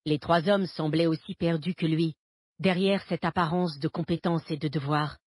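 A woman narrating an audiobook thriller in a steady, even storytelling delivery. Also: low voice, moderate pace, no echo.

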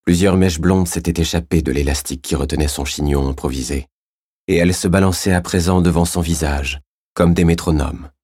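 Deep, husky male narrator. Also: steady tone, fairly quick, darkish tone, dry recording, studio quality. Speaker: audiobook narrator. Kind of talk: scripted narration.

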